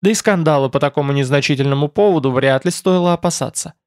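A male reader voicing a bold, quick-witted young woman mage, in a slightly raised and lively voice. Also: on the high side, dry recording, studio quality, close to an everyday voice. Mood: reasoning.

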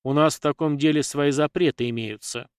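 A man's voice: fairly high pitch, fairly even intonation, brisk, smooth, no echo, studio quality, natural voice. A man reading an audiobook, voicing a hot-tempered Cossack who barks his words angrily. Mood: angry. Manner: barking, angry.

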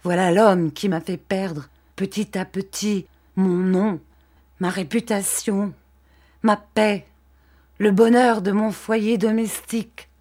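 A woman's voice: medium pitch, fairly even intonation, slow, a little mellow. Woman reading as a despairing ruined old father. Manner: anguished, pleading. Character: broken older man, despairing father.

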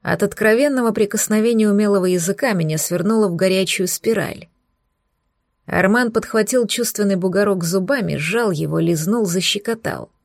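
A woman narrates a novel in the first person with dramatic intensity. Her voice sits at a middle pitch. The recording is close and dry. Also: moderate pace, creaky, dry recording. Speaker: audiobook narrator.

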